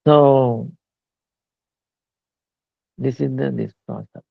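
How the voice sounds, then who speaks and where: A man giving a slow devotional discourse, pausing often with fillers. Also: medium pitch, fairly even intonation, vocal fry, no echo. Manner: slow halting talk with many fillers. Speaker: spiritual teacher. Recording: tinny phone-like line.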